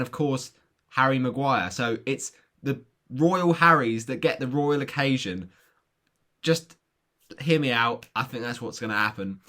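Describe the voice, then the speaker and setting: A man with a hoarse voice that is giving out, casually talking viewers through football predictions in an informal, chatty way. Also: medium pitch, sharp tone.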